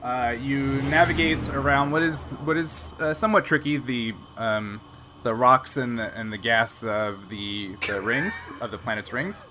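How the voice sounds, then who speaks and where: A man with a medium-pitched voice acts as game master for an improvised sci-fi tabletop game, narrating conversationally and pausing as he searches for words. The background is noisy.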